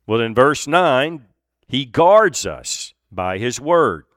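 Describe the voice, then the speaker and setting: Earnest preaching man, lively pitch. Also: no room sound, studio quality. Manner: earnest preaching with deliberate pauses and emphatic repeats. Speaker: pastor. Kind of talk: sermon.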